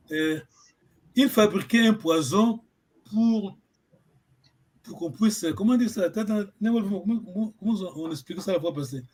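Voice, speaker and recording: A man from Congo runs a relaxed language lesson in a high, light voice. He talks in a halting way, full of fillers and restarts, as he searches for the right word. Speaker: Kikongo language teacher. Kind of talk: informal online language lesson.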